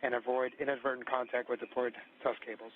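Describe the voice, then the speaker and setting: A man's voice: mid-range voice, level tone, quick pace. A man calling procedures to astronauts over a narrow radio link, reading steadily. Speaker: ground communicator to astronauts. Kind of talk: radio communication. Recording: tinny radio line with faint hiss.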